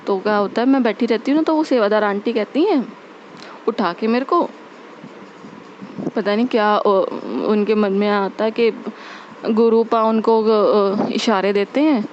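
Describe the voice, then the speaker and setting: A young woman telling a heartfelt spiritual testimony, earnest and repetitive, with many pauses and fillers. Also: mid-range voice, a little hiss or hum. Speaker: devotee sharing a testimony. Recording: dull lo-fi recording.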